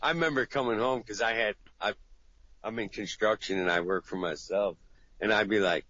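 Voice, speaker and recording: A man co-hosting a casual comedy talk show, swearing freely and jumping into high-pitched voices to act out stories. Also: a little fast, pushed and bright, no echo. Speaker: podcast co-host. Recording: dull lo-fi recording.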